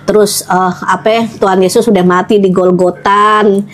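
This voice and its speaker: A woman's voice: medium pitch, normal speed, slight background noise. A woman, telling her story in a casual interview and acting out the quoted dialogue. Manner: animated, acts out quoted dialogue. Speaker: interview guest.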